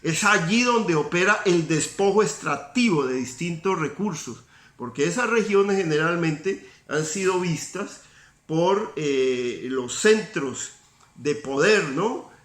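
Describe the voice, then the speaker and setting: A man giving a recorded university lecture, measured, pausing on fillers and tag questions. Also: a little high, lively intonation, fairly bright tone. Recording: roomy echoey recording.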